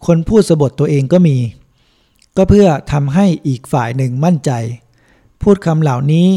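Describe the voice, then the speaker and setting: A man, a monk, reading a book aloud in a calm, measured way. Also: fairly high pitch, vocal fry. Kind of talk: audiobook reading.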